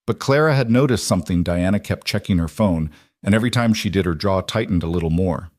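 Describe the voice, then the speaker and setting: A man narrates a dramatic story in an even, measured manner. His voice sits on the low side. The recording is close and dry, with no room sound. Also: dry recording.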